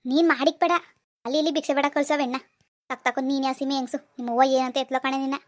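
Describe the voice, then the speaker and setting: A woman's voice: high-pitched, steady tone, very fast, no room sound, lightly acted. Woman voicing a grumpy nagging village husband. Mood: scolding. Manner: scolding, bossy. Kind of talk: cartoon dialogue.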